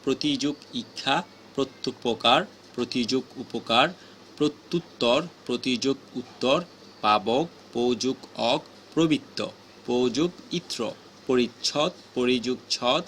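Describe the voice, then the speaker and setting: A man teaching grammar from a list, reading each word and its parts slowly and steadily. His voice sits at an ordinary middle pitch. A faint background hiss runs under the recording. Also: a bit bright. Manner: slow, measured drilling of word pairs.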